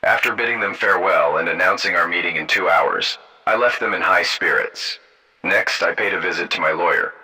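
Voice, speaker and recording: Low, bright-toned male storyteller. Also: brisk, rough recording. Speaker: narrator. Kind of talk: first-person story narration.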